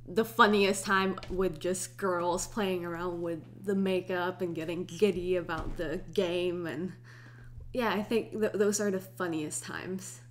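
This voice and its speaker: Young woman from Hong Kong, twenties, unhurried chatty vlog delivery, faint hum in the background. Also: medium pitch. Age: 20s. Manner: relaxed, unhurried, chatty with restarts. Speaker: YouTuber. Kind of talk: casual Q&A vlog.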